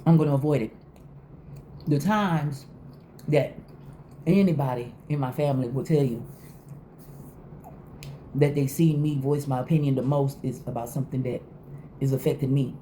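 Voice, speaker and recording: A woman's voice: extremely low pitch, moderate pace, pauses often, mellow. A middle-aged woman vlogger chatting casually and candidly to viewers, emphatic, repeating phrases and acting out quotes. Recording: faint background noise.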